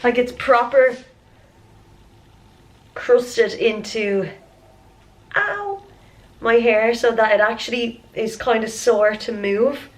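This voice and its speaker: A young Irish woman vlogging at home in a casual, chatty way, feeling under the weather and sniffly, with self-mocking asides. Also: on the high side. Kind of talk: casual chat to camera. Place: at home indoors.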